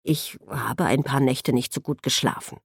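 A woman reading the part of a dazed woman who has just fainted, answering in a halting, evasive way. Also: rumbling low, creaky, breathy edge, no room sound, studio quality, exaggerated voice. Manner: stammering, evasive.

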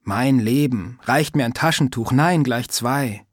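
Audiobook narrator: young man, sardonic and weary, even mid voice, dead-dry booth. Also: unhurried, no echo. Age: young adult. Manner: weary, sardonic, low-key. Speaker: first-person narrator.

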